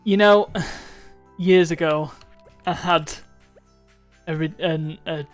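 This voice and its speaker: A man's voice: a little high, fairly even intonation, slow pace, soft background music. A man chatting casually on a live stream while gaming, musing aloud and wandering between thoughts. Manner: rambling, musing aloud with restarts and chuckles.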